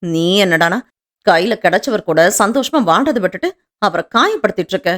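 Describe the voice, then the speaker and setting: A woman voicing a sharp-tongued young sister who scolds briskly and insistently. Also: medium pitch, very animated. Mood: scolding.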